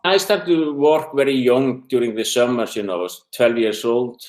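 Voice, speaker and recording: Icelandic man, halting, in an echoey room. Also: mid-range voice, darkish tone. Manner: halting, searching for words, many restarts. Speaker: interview guest, whistleblower. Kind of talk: casual interview talk. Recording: roomy echo.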